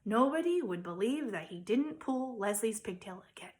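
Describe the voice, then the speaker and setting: A woman teacher reading a children's chapter book aloud with expressive, animated storytelling. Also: on the high side, normal speed. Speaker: third-grade teacher.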